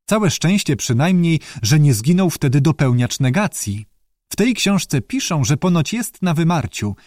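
A man's voice: fairly high pitch, big pitch swings, a little slow, a little mellow, no echo, clean studio sound, pitched above the performer's own voice. A man voicing a courteous, bookish male newt who speaks earnestly and formally in an audiobook. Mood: courteous, eager. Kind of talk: audiobook character voice.

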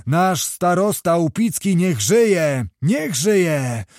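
A man voicing a boisterous old nobleman who rallies a crowd with loud, rousing proclamations in an audiobook. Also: high voice, very animated, takes it slowly, no echo, clean studio sound, full character voice. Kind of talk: scripted narration of a classic novel.

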